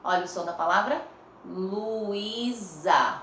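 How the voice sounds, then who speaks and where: A woman's voice: on the low side, lively intonation, echoey room, slight background noise. A woman teacher with a Brazilian Portuguese accent, giving a lesson to young pupils, sounding words out syllable by syllable and checking in often. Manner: slow, stretches out words syllable by syllable. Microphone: phone.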